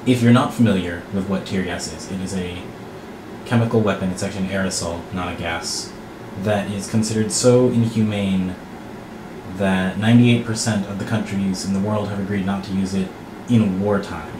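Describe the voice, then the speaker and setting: A man giving an earnest, reflective monologue to camera in a deliberate way, with phrases that trail off. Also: low-pitched, steady tone. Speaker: vlogger. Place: small bathroom, indoors. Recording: echoey bathroom with clear background noise.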